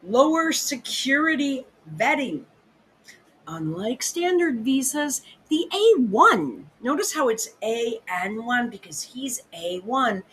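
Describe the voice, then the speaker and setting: A woman hosting a podcast, ranting in casual commentary, profane and excitable, often interrupting herself. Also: on the high side, takes it slowly, slight background noise, poor audio. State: hiccuping. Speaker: podcast host.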